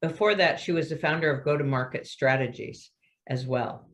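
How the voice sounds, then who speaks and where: A woman moderating a panel, reading out the speakers' biographies in a measured way. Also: low voice, low-quality recording.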